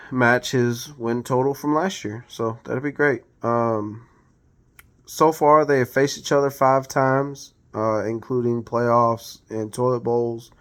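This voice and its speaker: A man's voice: mid-range voice, a bit bright, clear, resonant tone. A man giving a casual, unscripted sports league recap, rambling with lots of ums and uhs and correcting himself as he goes. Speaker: fantasy football league recap host.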